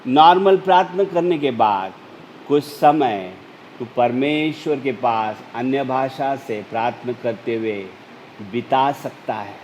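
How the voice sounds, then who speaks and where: A male pastor preaching a sermon, slow and emphatic, rising to urgent peaks. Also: a little high, slight background noise, rough recording.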